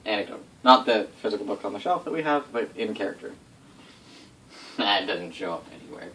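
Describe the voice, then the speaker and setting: Caught on a distant mic over faint background noise, a man acting as game master tells his players the lore of their tabletop world. He rambles informally, swears, and corrects himself, speaking fairly quickly in a lowish, fairly bright voice with lively intonation.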